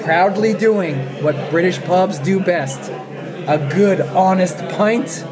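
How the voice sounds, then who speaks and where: Hoarse male podcast host, slightly high-pitched. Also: slow pace, music in the background, rough recording. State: hoarse, worn-out voice. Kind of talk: casual conversational interview. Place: pub.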